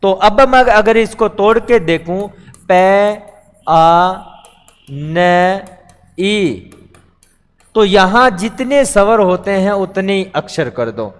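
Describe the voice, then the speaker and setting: A man's voice: high-pitched, animated, a little slow, hardly any pauses. A man teaching Hindi grammar in a live online class, explaining patiently step by step and answering his own questions. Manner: patient, explains step by step, calls students beta; repeats questions and answers them himself. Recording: long echo of a reverberant room.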